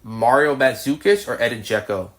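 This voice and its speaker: A man hosting a podcast, firing off quick this-or-that questions with brief, low-key acknowledgements. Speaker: podcast host. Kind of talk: casual rapid-fire this-or-that interview.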